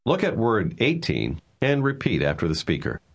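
A man narrating a language course, calling out numbered words and explaining how letters are pronounced in a measured, clear teaching manner. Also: fairly low pitch, wildly swooping pitch. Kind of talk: scripted instructional narration.

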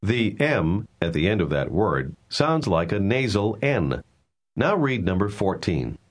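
A man with a very deep, husky voice reads out a recorded language lesson. His intonation moves a lot as he explains pronunciation step by step in a measured, instructive way. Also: sing-song. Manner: measured, clear teaching delivery. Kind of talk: scripted instructional narration.

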